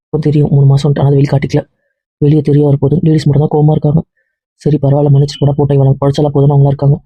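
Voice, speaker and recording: A calm young man, voiced by a man with a husky, slightly raised voice, explaining quickly and reassuringly. The sound is dry and dull, like a lo-fi recording. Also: fairly high pitch, no echo. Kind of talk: Tamil family drama dialogue.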